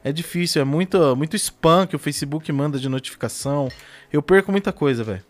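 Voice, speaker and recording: A man's voice: a little high, brisk, faint music behind. A man hosting a casual podcast chat, laid-back and full of slang. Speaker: podcast host.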